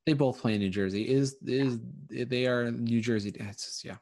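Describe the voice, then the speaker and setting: Man, casual chat host, middle pitch, rambling, repeats words when heated. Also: normal speed, a little mellow. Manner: rambling, gets worked up and repeats himself.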